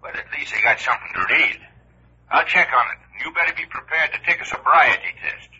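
Desk sergeant: brusque, disbelieving, rasping and swooping, heard through a dull vintage phone line. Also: male voice, fairly high pitch, lively intonation, a little fast, pushed and bright, exaggerated voice. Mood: incredulous, brusque. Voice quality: raspy. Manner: brusque, incredulous. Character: gruff, incredulous police desk sergeant. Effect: telephone filter. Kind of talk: old-time radio comedy acting.

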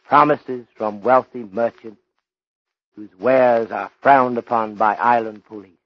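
Courteous stern Chinese detective acted by a man, formal clipped grammar, deliberate delivery, dry studio, dull vintage radio sound. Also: medium pitch, steady tone, no room sound, lightly acted. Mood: solemn, torn. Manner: formal, deliberate, ornate speech dropping articles. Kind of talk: old radio drama acting. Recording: dull lo-fi old radio recording.

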